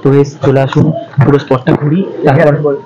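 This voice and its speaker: A man hosting a ghost-hunting vlog on location, speaking softly in a hushed, casual way. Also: a little high, flat delivery, fairly quick, dull audio, a crowd in the background. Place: outdoors at night in a dark field.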